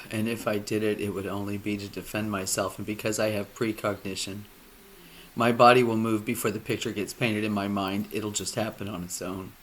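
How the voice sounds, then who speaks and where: A man speaking a personal monologue, halting and emotional, often dropping to a near whisper. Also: fairly low pitch, little pitch movement, fairly bright tone, a little hiss or hum. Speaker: vlogger.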